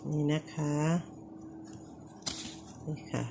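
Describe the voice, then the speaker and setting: Drawing out her words against a noisy background, a woman calling herself auntie demonstrates cleaning banknotes at home. Her speech is polite and casual, full of repeated short pointing phrases with gentle polite endings.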